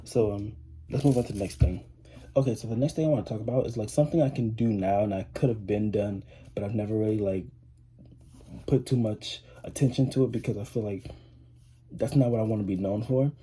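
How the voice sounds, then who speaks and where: Teen dude yapping on his vlog, kinda low and mellow, breathy, um-ing a lot. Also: fairly even intonation, a little fast, slight background noise. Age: 18, teenager. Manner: rambling, many fillers and restarts. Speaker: vlogger, high school student. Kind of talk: casual rambling chat to camera.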